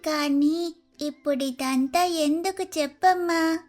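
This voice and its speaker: A woman's voice: darkish tone, faint music behind. A woman voicing a timid little sparrow chick. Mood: curious. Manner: slow, high, pleading. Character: small young female sparrow chick, timid and tearful.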